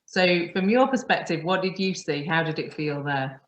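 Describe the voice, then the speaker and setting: Low-voiced woman host on a muffled call. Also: lively intonation, normal speed. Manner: chatty, laughs often. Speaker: podcast host. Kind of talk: casual interview. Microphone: video call. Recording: muffled roomy call audio.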